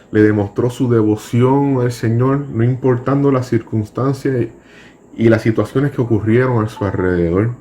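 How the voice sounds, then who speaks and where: A man leads a Bible school lesson at a slow, unhurried pace. His voice sits in an ordinary middle pitch. He reads scripture with care and explains it plainly, with faint music playing behind him. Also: darkish tone. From Puerto Rico. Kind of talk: Bible class teaching.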